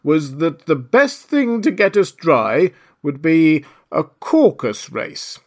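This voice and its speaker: A man's voice: on the high side, sing-song, normal speed, voice pushed up. A man voicing a solemn, self-important dodo bird with a grave, pompous manner in a storybook reading. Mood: offended, pompous.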